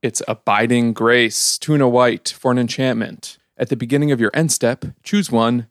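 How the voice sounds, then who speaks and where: A man hosting a casual podcast, upbeat, reading patron shout-outs and plugs before card talk. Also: mid-range voice, fairly even intonation, normal speed, no room sound, clean studio sound. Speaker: podcast host.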